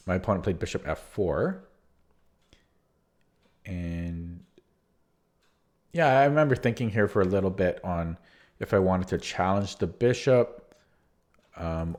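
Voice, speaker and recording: Talking through one of his own chess games from notes, this man speaks low and slow with long pauses, his voice clearly going. He hosts a chess channel, and his casual analysis comes out hesitant and full of restarts, yet relaxed and candid.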